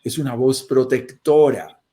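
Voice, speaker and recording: A man giving a lively motivational talk to a group, often acting out little quoted voices. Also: medium pitch, a little slow. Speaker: guest speaker. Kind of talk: motivational talk on a video call.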